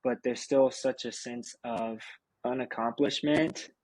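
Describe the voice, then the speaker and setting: A man's voice: medium pitch, steady tone, unhurried, a little mellow, no room sound, low-quality recording. A man hosting a podcast, talking in a reflective, earnest way before asking a question. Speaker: podcast host. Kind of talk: reflective interview talk.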